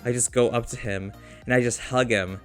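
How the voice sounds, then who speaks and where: A man talks to the camera in a loose, rambling vlog monologue. His voice sits in an ordinary middle register. He keeps breaking off and restarting his sentences as he works through a personal, emotional story, with soft music playing faintly underneath. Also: medium pitch, fairly even intonation, normal speed. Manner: rambling, self-interrupting, emotional. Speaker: vlogger.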